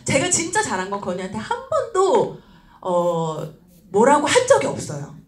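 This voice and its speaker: A woman giving a seminar talk as a lively story, acting out voices and laughing often. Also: on the high side, normal speed. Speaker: speaker at a business seminar. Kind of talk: animated storytelling lecture. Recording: roomy echoey hall.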